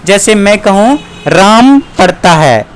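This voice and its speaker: Slow, smooth-voiced male teacher. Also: high voice, lively intonation. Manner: slow, drawn-out dictation with repeated questions to students. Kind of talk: classroom grammar lesson.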